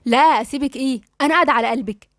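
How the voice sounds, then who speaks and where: A woman's voice: sits high, very fast, no echo, clean studio sound, close to an everyday voice. Woman reading as a fussing, teasing best friend. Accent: Egyptian. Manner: coaxing and teasing. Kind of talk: audiobook dialogue reading.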